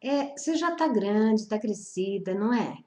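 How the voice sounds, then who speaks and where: A woman's voice: mid-range voice, lively intonation, a little slow, mellow. A woman leading a spiritual study group, talking informally and repeating phrases as she checks in with her listeners. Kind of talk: informal spiritual teaching talk. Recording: roomy echo.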